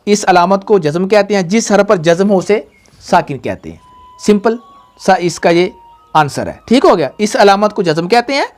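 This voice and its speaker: A man's voice: high-pitched, a little mellow. A man teaching Quran reading to a child and to viewers. He drags the letter sounds out in a sing-song way and keeps checking "all right?". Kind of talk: tajweed lesson, call and repeat with a child.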